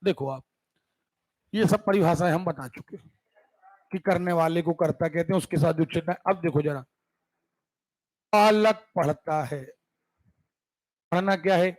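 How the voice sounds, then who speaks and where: A man's voice: on the high side, measured pace, pauses often, a little mellow, poor audio. A man teaching a Hindi grammar lesson for exam preparation, with a Madhya Pradesh Hindi accent, casual and joking, who keeps asking his students whether they have understood. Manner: asks students frequent check questions.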